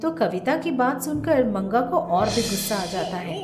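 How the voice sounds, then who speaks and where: A woman narrating a cartoon story in an expressive storytelling manner. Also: a little high, moderate pace. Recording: roomy echo, faint music.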